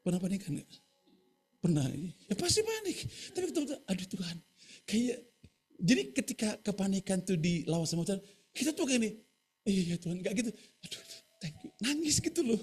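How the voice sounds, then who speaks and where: A man preaching a sermon in a very husky, breathy voice. He speaks high and swings his pitch widely. He keeps checking in with the congregation and urging louder amens. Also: fairly quick, faint music behind. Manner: animated, often asking the congregation "right?" and urging louder amens. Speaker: pastor.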